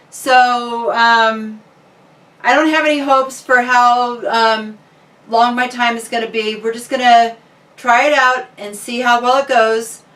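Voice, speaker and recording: Woman, higher-pitched voice, informal fitness vlog chat, chatty delivery, slightly distant microphone. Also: a bit bright. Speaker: fitness vlogger.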